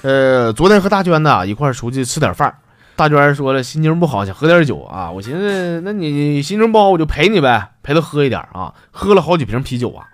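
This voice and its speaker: A man's voice: a little high, big pitch swings, a little fast. A man with a Northeastern Mandarin accent hosting a comedy show, telling jokes in a chatty, folksy way. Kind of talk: storytelling joke monologue.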